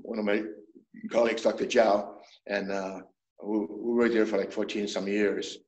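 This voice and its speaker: A man in his seventies, a traditional medicine doctor, explaining things in a measured way as an interview guest, often restarting his sentences. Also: on the low side, little pitch movement, a little mellow. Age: 70s. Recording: roomy echo.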